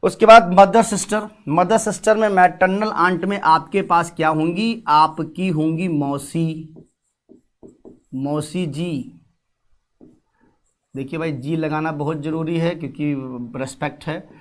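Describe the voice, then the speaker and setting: A man's voice: fairly high pitch, steady tone, takes it slowly, a bit bright. A man teaching an exam-prep class, repeating key terms and answering his own questions. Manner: talks while writing on a board. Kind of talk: online exam-prep lesson.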